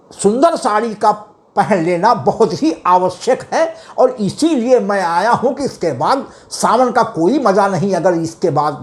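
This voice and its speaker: A man singing a devotional folk song slowly and breaking into quick spoken explanations for devotees. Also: high-pitched, a little mellow. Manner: alternates slow drawn-out singing with rapid spoken commentary; addresses listeners as devotees, humble tone. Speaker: devotional singer and preacher.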